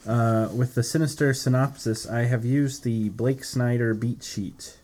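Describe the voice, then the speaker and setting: A man's voice: mid-range voice, steady tone, a little slow, a little mellow. A man hosting a podcast with his friends, talking loosely and joking, swearing now and then. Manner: loose and jokey, swears freely. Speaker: podcast host. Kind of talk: casual chat.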